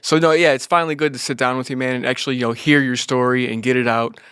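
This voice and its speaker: A man interviewing a guest in a relaxed, agreeable way, often saying "yeah" and "man". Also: medium pitch, quick pace, clean tone, no room sound, studio quality. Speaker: interviewer and channel host. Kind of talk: casual interview.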